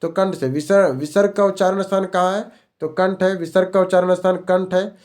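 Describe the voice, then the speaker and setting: A man's voice: high voice, steady tone, a little fast, a little mellow. A male teacher running an exam-prep grammar lesson, repeating each question and answer as a drill.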